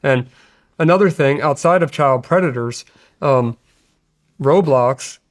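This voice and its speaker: A man's voice: medium pitch, takes it slowly, no echo, clean studio sound. A man, a guest in an interview, explaining at length in an earnest way, often restarting his sentences. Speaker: guest, hacker. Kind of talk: interview conversation. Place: studio.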